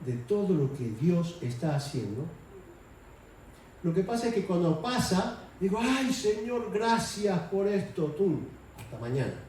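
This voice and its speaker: In a church hall, a man delivers a sermon in a conversational style, raising his voice whenever he acts out a quote. His voice is a little high with a dark tone. The mic sits far off in the echoey hall, and there's slight background noise.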